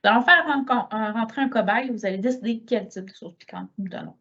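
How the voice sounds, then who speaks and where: A woman's voice: on the high side, fairly quick, pushed and bright, lo-fi sound. A woman with a Quebec French accent voicing a brusque, cold male lab researcher in a lecture anecdote. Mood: curt.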